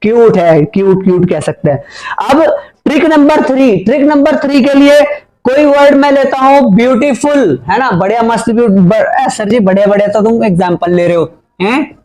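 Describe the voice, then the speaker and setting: Hindi-accented guy teaching grammar, really high voice, jokey and chatty. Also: expressive, moderate pace, a little mellow, poor audio. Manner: playful, chatty, teasing students. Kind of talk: playful grammar lesson at a board.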